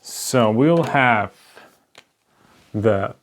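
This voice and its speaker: In this clip a native German speaker with a German accent, a Hebrew teacher, gives a slow explanatory lesson at a board. His voice is medium-pitched with lively intonation, and he draws out his words. He teaches patiently, one step at a time, checking in with "right?"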